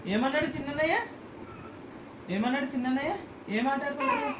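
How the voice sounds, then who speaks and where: A woman's voice: high-pitched, sing-song, fairly quick. A woman in a home vlog, chatting playfully with a baby in coaxing baby talk and asking the same questions over and over. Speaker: vlogger talking with a baby. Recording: echoey room with loud background noise.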